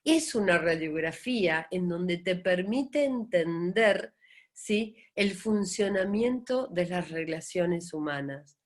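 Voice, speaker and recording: A woman's voice: on the low side, lively intonation, takes it slowly. A middle-aged Argentine woman teaching in a live-streamed talk, asking rhetorical questions and acting out quoted voices. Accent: Argentine Spanish. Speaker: Enneagram teacher.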